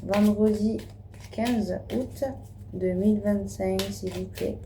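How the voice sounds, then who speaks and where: A woman reading oracle card messages aloud in a slow, gentle, soothing way, addressing her viewers. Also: medium pitch, steady tone, slight background noise.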